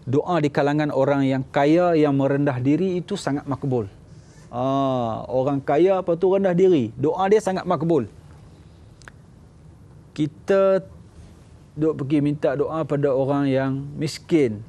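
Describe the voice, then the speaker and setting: A man with a Malaysian Malay accent, a religious teacher giving a lively sermon and acting out little scenes. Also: measured pace. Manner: animated, acts out little scenes, jumps to high voices. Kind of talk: lively sermon with acted dialogue.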